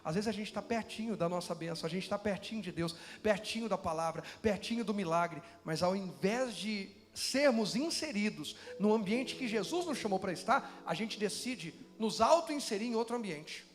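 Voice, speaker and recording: A man's voice: high voice, lively intonation, normal speed, few pauses, in a large hall, faint music behind. A man preaching as pastor, building intensity and asking the congregation questions. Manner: preaching with rising intensity, mocking voices in quotes. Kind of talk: sermon.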